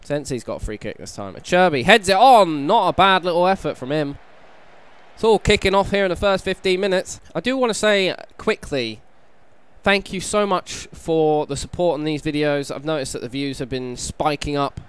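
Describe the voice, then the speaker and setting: A hungover British man giving casual, self-deprecating commentary on a video game playthrough, sounding slightly croaky. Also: on the high side, lively intonation, moderate pace, dry recording. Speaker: gaming YouTuber, host. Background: background music.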